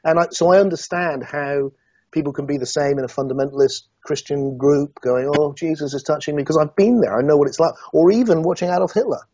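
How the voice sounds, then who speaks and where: A man's voice: a little high, fairly quick, breathy edge, no echo, lo-fi sound. A middle-aged man from Somerset, England, a guest in an interview, talking reflectively and hesitantly, with many restarts. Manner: hesitant, many restarts, animated when recounting.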